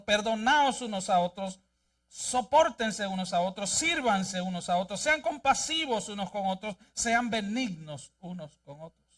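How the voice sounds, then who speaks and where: A man's voice: very high voice, a bit bright, distant mic. A male pastor preaching a sermon and reading scripture aloud in a church, with an emphatic delivery. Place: church sanctuary.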